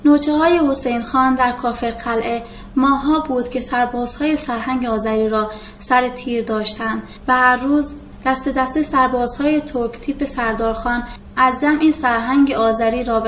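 A woman narrates a novel as an audiobook reader, her somewhat high voice measured and steady. The recording is roomy, echoey and dull, lo-fi, with slight background noise.

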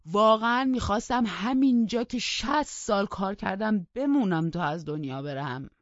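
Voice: mid-range voice, lively intonation, no echo, voice pushed up, close to an everyday voice. A narrator voicing a bitter, stubborn old male servant who grumbles and complains. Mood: aggrieved complaining. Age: older. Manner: whining, indignant complaining. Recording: dull lo-fi dry recording.

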